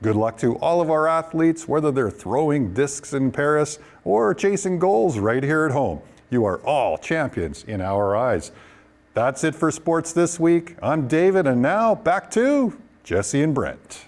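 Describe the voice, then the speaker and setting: A man's voice: on the high side, big pitch swings, measured pace, a little mellow. A man presenting the weekly sports segment on a local news show in an upbeat, friendly way. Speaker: sports reporter.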